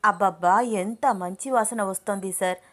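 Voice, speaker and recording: A woman's voice: medium pitch, normal speed, fairly bright tone, natural voice. A woman voicing a playful, cheeky young woman with a teasing, bubbly way of talking.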